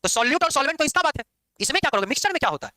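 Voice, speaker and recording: A man teaching chemistry in a classroom lecture, lively and teasing his students as he explains. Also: extremely high pitch, racing, dry recording. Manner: lively, scolding and joking with students.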